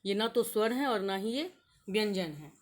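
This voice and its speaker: A woman teacher giving a grammar lesson to young pupils, speaking slowly and deliberately and sounding out letters one at a time. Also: medium pitch, expressive. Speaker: school teacher.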